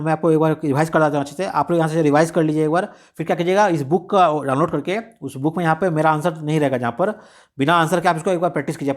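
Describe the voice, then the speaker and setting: Man, exam tutor, rapid delivery, slightly high voice, rhetorical questions. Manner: explains conversationally, lots of rhetorical questions and repetition. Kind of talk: casual spoken lecture.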